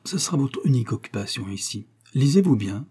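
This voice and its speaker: A man's voice: mid-range voice, very animated, brisk, warm tone, breathy edge. A man voicing a cold, scheming host who mockingly orders an impostor around, in an audiobook reading. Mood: menacing. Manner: stern, mockingly commanding.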